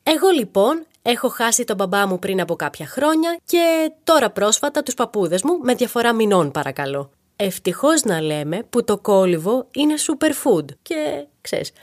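A woman's voice: on the high side, sing-song. A woman host telling darkly comic stories in a playful monologue, talking straight to the listener. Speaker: podcast host. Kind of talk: comedic storytelling monologue.

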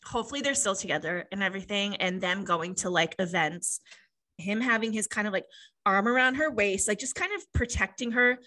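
A woman co-hosting a podcast, recapping a show in excitable, gushing casual chat with casual swearing. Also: mid-range voice, brisk, low-quality recording. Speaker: podcast co-host.

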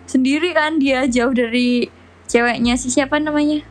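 A woman's voice: high voice, fairly even intonation, normal speed. A young woman, telling a story animatedly as co-host of a casual chat. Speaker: podcast co-host.

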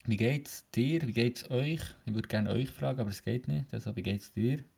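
This teenage podcast host has a Swiss German accent and a mid-range, warm, husky voice with some creak, moving at a moderate pace. New braces slightly hamper his articulation as he chats casually, rambling with plenty of hesitations.

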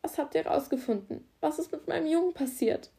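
A grieving middle-aged mother, tearful and pleading, her voice pitched high and strained, as a woman reads her in an audiobook. She sounds mellow in tone but loud and pushed. Her questions climb upward in distress. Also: fairly quick, vocal fry. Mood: anguished.

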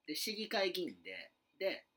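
Kansai-accented male co-host, lively storyteller with sudden whispers, bright husky tone. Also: high-pitched, normal speed. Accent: Kansai Japanese. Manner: animated storyteller acting out quotes, drops to whispers. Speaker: radio show co-host. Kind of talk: casual chat, telling a ghost story.

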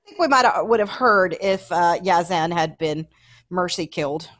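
A woman from the American South co-hosting a casual chat, animated and playful, laughing often. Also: fairly low pitch, normal speed. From Southern United States. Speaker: podcast co-host.

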